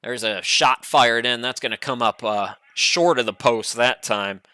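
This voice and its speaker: Male play-by-play commentator, middle-aged, bright tone, close and dry, chatty remote caller. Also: medium pitch, unhurried, no room sound. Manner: relaxed, chatty, frequent "uh" fillers. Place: home studio.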